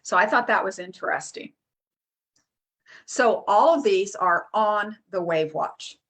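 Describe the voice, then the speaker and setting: A woman presenting a product in a casual, halting way, with many fillers and restarts, reading lists off a screen. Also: mid-range voice, fairly bright tone. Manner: reads lists aloud off a screen.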